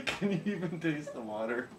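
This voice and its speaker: A woman talking in an amused, teasing way in a casual home video. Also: lowish voice. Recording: echoey room, distant mic, background noise.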